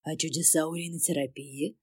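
Lady doing a smug low demon guy, teasing drawl, storybook. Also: steady tone, brisk, slightly rough, no echo, clean studio sound. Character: smug male demon companion, mocking.

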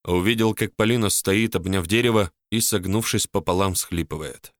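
A man reading a first-person story as an audiobook narrator, calm and steady. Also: deep voice, moderate pace, no room sound, studio quality.

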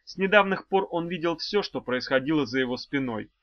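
A man narrating a fantasy audiobook in a measured, even reading. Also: fairly high pitch, no room sound, dull audio. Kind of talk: scripted narration.

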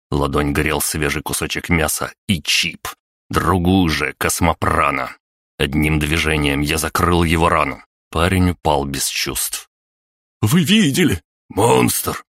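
A man reading a first-person story aloud in a steady, low-key way as an audiobook narrator. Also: no room sound, studio quality.

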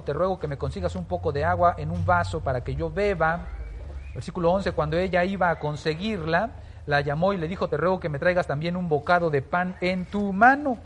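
A man leads a Bible teaching in a fairly high voice. He explains things patiently, stopping often with fillers and starting over mid-sentence. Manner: explanatory, many fillers and restarts.

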